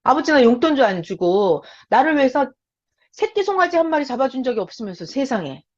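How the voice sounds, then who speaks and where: A woman's voice: high voice, big pitch swings, a little fast. A woman voicing a resentful grown elder son who complains and accuses in a retold story, on a lo-fi recording. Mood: indignant. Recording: lo-fi dull recording.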